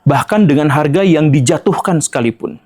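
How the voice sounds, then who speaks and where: A man's voice: a little high, animated, normal speed, darkish tone, husky. A man, hosting his own channel, talking casually to viewers and walking them through a story with rhetorical questions. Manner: conversational, explains with rhetorical questions. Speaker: host.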